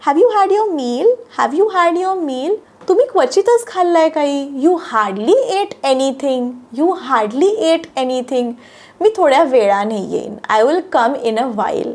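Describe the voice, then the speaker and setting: A woman with a Marathi accent teaching English, repeating each sentence slowly and carefully. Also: high-pitched, expressive, a little mellow. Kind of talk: language lesson, reading sentences slowly.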